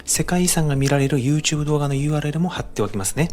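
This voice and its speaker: A man's voice: on the high side, quick pace, a little mellow. A man giving a friendly, upbeat spoken summary of a book, talking straight to the viewer with tips and suggestions, over faint background music. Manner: upbeat, addresses viewers directly with recommendations. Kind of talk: friendly explanatory narration.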